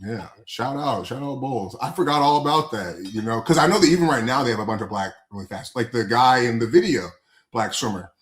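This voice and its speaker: A man's voice: mid-range voice, fairly quick, roomy sound. A man co-hosting a casual sports podcast, talking in a rambling way with many fillers and restarts. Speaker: podcast co-host.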